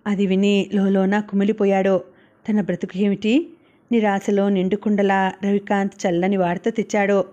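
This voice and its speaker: A woman narrating a novel as an audiobook, reading in a steady, even way. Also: medium pitch, moderate pace, highs cut off.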